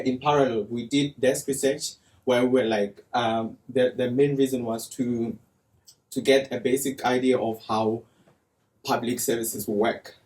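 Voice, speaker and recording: A man's voice: mid-range voice, darkish tone. Hesitant man. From Lesotho. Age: young adult. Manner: hesitant, repeating words. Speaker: master's student presenter. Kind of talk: project presentation. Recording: distant room mic.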